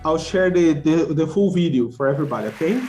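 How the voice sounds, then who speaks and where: With soft music in the background, an English conversation teacher speaks in a fairly high, warm voice, fairly quickly and with lively intonation. He explains simply and repeats key phrases. He also checks with questions that learners are following.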